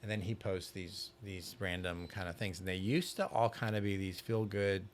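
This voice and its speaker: Low-voiced man in casual podcast chat. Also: normal speed. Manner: relaxed storyteller, often quoting others. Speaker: co-host. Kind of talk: casual conversation. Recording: faint background noise.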